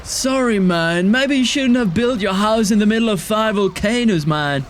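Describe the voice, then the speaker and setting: A man doing a high, groovy hippie dude. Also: normal speed, slight background noise, lightly acted. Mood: laid-back. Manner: tacks "man" onto lines, scolding yet easygoing.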